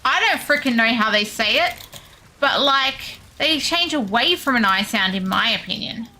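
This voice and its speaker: Aussie girl streaming games, chatty, mutters to herself, bright voice pitched a bit high. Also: expressive, normal speed, slight background noise. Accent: Australian. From Australia. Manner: chatty, muttering asides to herself between remarks to chat. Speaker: game streamer. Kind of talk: casual livestream chat while gaming.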